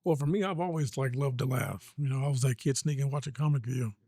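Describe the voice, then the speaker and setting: A man's voice: medium pitch, quick pace, mellow, slightly rough, no room sound, clean studio sound. A man speaking in a laid-back, candid way in a casual podcast talk, swearing casually.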